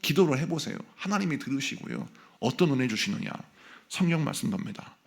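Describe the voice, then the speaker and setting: A male senior pastor delivers a sermon in a church sanctuary. His voice has a gravelly edge, and his pitch swings widely as he preaches. He drives his points home with repeated rhetorical questions to the people in front of him. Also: sing-song, brisk. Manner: emphatic preaching with frequent rhetorical questions to the congregation.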